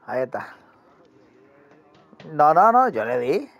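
A man chatting casually while playing an online game with a friend, teasing him and breaking into excited shouts. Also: on the high side, takes it slowly, creaky, lo-fi sound, a little hiss or hum. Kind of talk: casual gaming chat.

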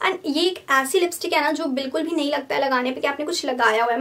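High-voiced woman vlogger. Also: fairly bright tone. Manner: chatty, repeats "ना" and "मतलब", mixes English words into Hindi. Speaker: beauty vlogger. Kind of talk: casual product review.

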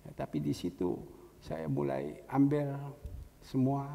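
A man's voice: mid-range voice, animated, slow pace, creaky, dark tone. A middle-aged man preaching as a pastor, telling a story in a conversational way and acting out the voices of people he quotes. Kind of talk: storytelling sermon. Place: church hall. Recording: echoey church hall with faint noise.

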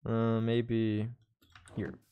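Streaming in English while gaming, a young Brazilian man whose first language is Portuguese chats casually, his accent clearly Brazilian Portuguese. His lowish voice is monotone and mellow, and his non-native speech is halting, full of restarts and word searches. He sits at a desk in a small room with headphones and an arm-mounted studio mic, and there's slight background noise.

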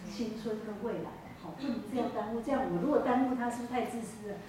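A woman's voice: on the high side, racing, background noise. A woman with a Taiwanese Mandarin accent preaching a sermon, retelling a Bible story with many rhetorical questions and hesitant self-corrections. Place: church hall. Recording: echoey hall, distant mic.

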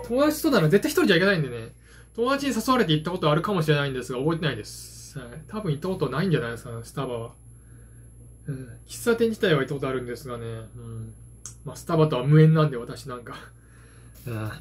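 Husky, quick-talking self-deprecating man. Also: fairly high pitch, sing-song. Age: 40s. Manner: self-deprecating, hesitant asides. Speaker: vlogger, card game hobbyist. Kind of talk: casual rambling solo chat to camera. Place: small dim room at home, indoors. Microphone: phone propped at arm's length.

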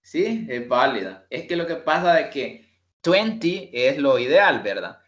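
A man's voice: mid-range voice, sing-song, a bit bright, dull audio. A man teaching an online English class, explaining numbers patiently and mixing in English examples. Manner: patient, explains slowly, mixes English examples into his talk. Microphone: video call.

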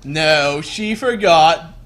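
A man chatting casually on a gaming livestream, cracking dry, crude jokes and mumbling low asides. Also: extremely slow, fairly bright tone.

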